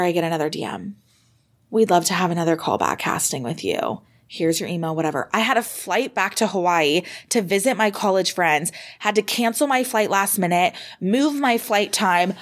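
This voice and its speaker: A young woman in her twenties, a model guest on a podcast, telling her story in a casual, animated way with lots of fillers and swearing. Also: mid-range voice.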